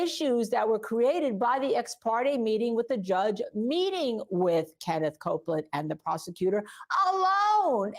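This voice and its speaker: A woman with a somewhat high voice interviews a guest for legal news. Her questions are long and halting, built up in several clauses.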